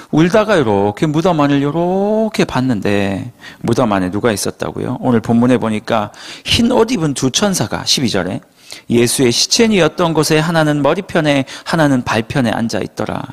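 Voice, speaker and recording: A male pastor preaching a sermon as lively storytelling full of rhetorical questions. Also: medium pitch, normal speed.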